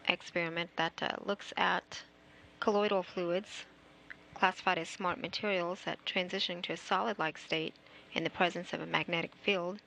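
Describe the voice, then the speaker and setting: A woman working as a mission control commentator, giving measured, formal live broadcast narration. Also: lowish voice, gravelly, pushed and bright, slight background noise, low-quality recording. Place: space station flight control room.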